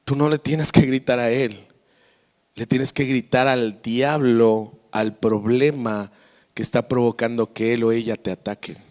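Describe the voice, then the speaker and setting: A Mexican man preaching a lively, story-filled sermon as pastor, with a Mexican Spanish accent, in a church. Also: mid-range voice, unhurried, in a large hall. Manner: lively, storytelling, acts out voices.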